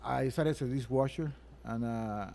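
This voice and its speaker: A man from Venezuela, a chef being interviewed at his restaurant, speaking earnestly and haltingly with many restarts. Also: medium pitch, creaky, mellow, a little hiss or hum. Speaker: chef and restaurant owner, guest. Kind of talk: interview answers.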